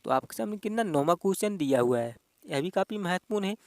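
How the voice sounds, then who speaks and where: High-voiced man teaching reasoning. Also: expressive, fast, no room sound. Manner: repetitive, coaxing, addresses viewers as dear friends. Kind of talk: exam-prep reasoning lesson.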